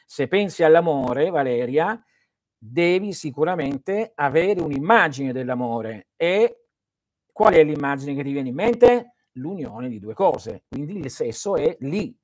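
A man's voice: a little high, lively intonation, unhurried, no echo, clean studio sound. A man hosting a live stream as a spiritual teacher, answering viewers' questions in an earnest, didactic way and speaking straight to his listeners.

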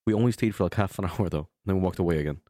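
A young man with a deep voice co-hosts a podcast. He tells stories casually in frat-bro slang, swearing freely. The sound is dry, with hardly any room on it. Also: rapid-fire, mellow, no echo. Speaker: podcast co-host. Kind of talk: casual chat, storytelling.

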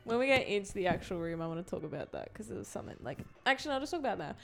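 A woman's voice: medium pitch, big pitch swings, racing, vocal fry. A woman on a podcast, eagerly retelling a horror film scene with vivid, swearing emphasis. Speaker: podcast co-host. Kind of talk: casual film discussion.

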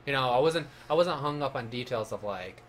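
A man's voice: mid-range voice, expressive, a little fast, a little hiss or hum. A young man co-hosting a movie podcast, talking animatedly, swearing and repeating words in casual chat. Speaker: podcast co-host.

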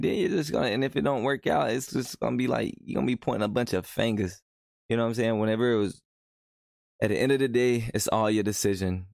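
A young man hosts a solo podcast in a loose, conversational flow, often tossing in "you feel me". His voice sits fairly low with a gravelly fry. The sound is dry and close, with no room around it. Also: darkish tone, no echo. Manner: laid-back, conversational, frequent "you know what I'm saying". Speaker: podcast host. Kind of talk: casual solo podcast monologue.

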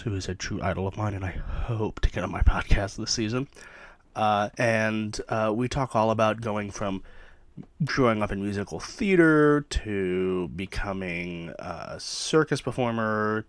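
A young man talks through his podcast intro in a loose, joking ramble full of ums and uhs. His voice sits fairly low. The sound is close and dry, with no room around it. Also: no room sound. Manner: rambling, jokey, lots of fillers. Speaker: podcast host. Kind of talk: casual chatty podcast intro. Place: his trailer behind an amusement park.

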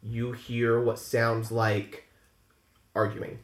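A man narrating a tabletop game as game master, halting with many fillers. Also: medium pitch, completely flat delivery, echoey room, a little hiss or hum. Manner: halting, lots of fillers and laughs.

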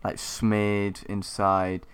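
A man's voice: fairly low pitch, completely flat delivery, drawn-out words, smooth. A man co-hosting a podcast, rambling through crude jokes in casual chat. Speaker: podcast co-host.

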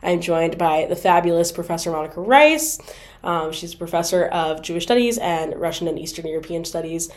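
In her twenties, a student hosts a campus podcast, interviewing guests in a brisk, expressive, lowish voice. She sounds upbeat and encouraging, dropping in plenty of affirming interjections.

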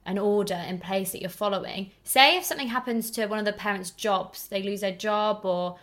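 A woman's voice: mid-range voice, a bit bright. A young woman, co-hosting a podcast in a chatty, agreeable way. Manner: chatty, agreeable, quick to laugh. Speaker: podcast co-host and legal assistant. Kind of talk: casual podcast chat.

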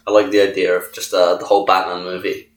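A man's voice: sits low, completely flat delivery, quick pace. A man co-hosting a podcast, casually joking and riffing on silly ideas. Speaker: podcast co-host. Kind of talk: casual chat. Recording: echoey room.

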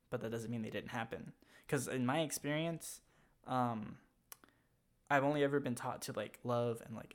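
A young man talking in a casual chat, rambling and halting with many fillers. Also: medium pitch.

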